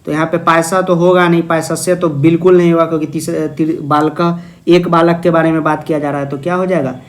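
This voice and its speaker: A young male tutor works through a Sanskrit exam paper. His voice sits notably high, and his manner is playful and teasing. He keeps asking questions and then answering them as if he were a student. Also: flat delivery, brisk. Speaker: Sanskrit teacher. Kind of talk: exam-prep video lesson.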